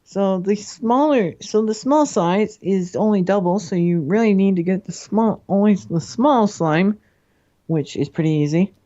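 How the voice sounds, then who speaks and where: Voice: mid-range voice, measured pace, warm tone. A guest mod author methodically explaining game mechanics, often restarting sentences. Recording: dull lo-fi mic.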